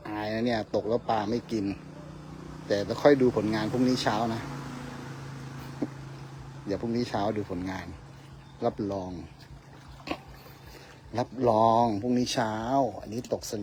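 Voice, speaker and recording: A man keeps up a chatty running commentary to his viewers as he fishes on a riverbank. He sits in a middle pitch and talks to them directly and politely. Faint outdoor noise hums behind him. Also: fairly even intonation, a little slow, pauses often. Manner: chatty, addresses viewers directly, tags lines with polite particles. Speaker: fishing vlogger. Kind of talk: casual outdoor fishing commentary.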